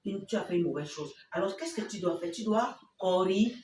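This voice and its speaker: A woman's voice: mid-range voice, expressive, a little fast, darkish tone. A woman with a Cameroonian French accent leads a children's Sunday school lesson, quizzing the children and acting out small moments between a child and its mother. She is picked up from a distance in a reverberant church hall, with faint noise underneath. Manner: acts out child and mother voices, asks the children questions. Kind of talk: children's Bible lesson with acted scenes.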